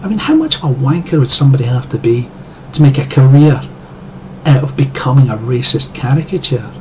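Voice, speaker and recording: Sardonic Scottish male commentator, foul-mouthed monologue, average pitch. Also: very animated, a little fast, a little mellow, a little hiss or hum, low-quality recording. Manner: sardonic, profane. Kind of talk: scripted monologue.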